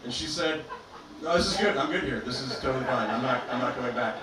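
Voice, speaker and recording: A man's voice: medium pitch, expressive, quick pace, heavy background noise. Male stand-up comic from Albania, dry self-deprecating delivery, far from the mic in a reverberant club. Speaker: stand-up comedian. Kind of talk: stand-up comedy set. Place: comedy club stage, performing to a live audience.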